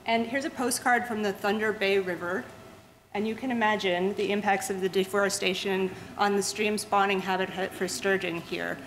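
A museum lecturer, female, gives a public science talk in a lecture room, explaining at a steady pace while restarting words often and using fillers. Her pitch is medium, and the low-quality recording carries a bit of hiss or hum.

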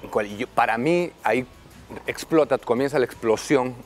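A man's voice: mid-range voice, normal speed, soft background music. A man in his forties hosting an interview on an outdoor tennis court, speaking in a friendly, orderly way with some hesitant fillers. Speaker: host. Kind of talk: casual interview.

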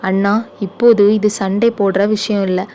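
Audiobook: woman reading as a shaken sister, halting and choked, warm soft tone. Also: mid-range voice, little pitch movement, slight background noise, natural voice. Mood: distressed. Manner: faltering, choked speech. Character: distressed middle-aged sister, tearful and ashamed.

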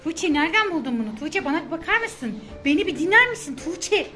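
A woman's voice: extremely high pitch, big pitch swings, brisk, sharp tone. A woman playing a mother in a children's family skit, scolding and repeating her daughter's name again and again. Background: background music.

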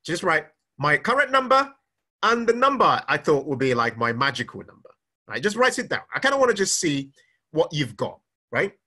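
A man's voice: fairly high pitch, normal speed. A middle-aged man giving a live-streamed talk on personal finance, reading out viewers' comments and firing questions at them with lots of repetition. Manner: energetic, repeats questions, reads comments aloud. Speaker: finance speaker.

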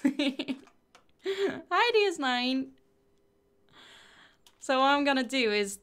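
A woman's voice: fairly high pitch, fairly bright tone. A young woman chatting casually through a game livestream, giggling often and thanking viewers as she plays.

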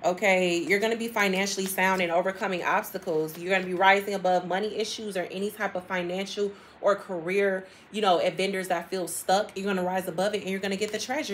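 Woman doing a laid back tarot reading, talks fast and emphatic, repeats herself a lot. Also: mid-range voice, fairly bright tone, a little hiss or hum. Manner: chatty and emphatic, repeats phrases, laughs often. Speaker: tarot reader. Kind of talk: casual tarot reading to viewers.

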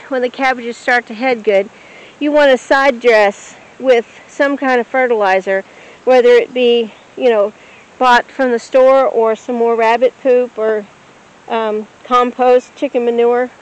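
A woman explaining how to plant and feed cabbages in a relaxed, practical way, recorded outdoors in a rural garden. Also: a little high, low-quality recording. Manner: relaxed and practical, with filler pauses. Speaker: homestead vlogger.

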